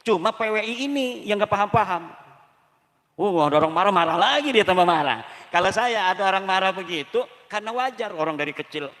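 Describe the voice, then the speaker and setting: A preacher from Banten giving a lively sermon at an Islamic boarding school gathering, firing rhetorical questions at his audience. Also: high-pitched, fairly quick. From Banten, Indonesia. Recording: long hall reverb.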